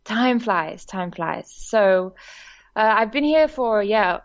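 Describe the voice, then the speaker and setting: A woman's voice: mid-range voice, expressive, takes it slowly, muffled recording. A woman from Australia, telling her story in a podcast interview, chatty and full of fillers. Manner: warm, chatty storytelling with frequent laughs and fillers. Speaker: guest, director of a women's network.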